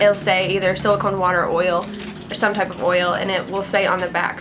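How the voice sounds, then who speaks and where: Young female vlogger, casual talk-through makeup tutorial, breezy filler-heavy delivery, faint background hiss. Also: mid-range voice. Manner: chatty, upbeat, lots of "like" and "gonna". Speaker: beauty vlogger.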